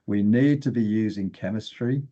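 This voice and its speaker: An older man appears as a guest expert in exploration geochemistry, explaining technical material plainly with short, emphatic phrases. His voice sits on the low side with a dark tone and normal speed, and the recording's highs are cut off.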